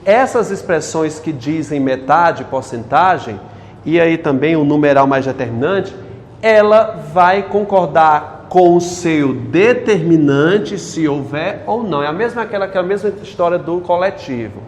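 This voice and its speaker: A man's voice: on the high side, expressive, a little slow, long reverb tail, slight background noise. A male teacher lectures a class on grammar, quizzing the students with questions as he goes.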